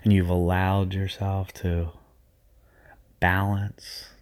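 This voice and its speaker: A middle-aged man leading a guided hypnotic visualization for athletes, speaking in hushed, soothing, repetitive phrases. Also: low voice, little pitch movement, slow pace.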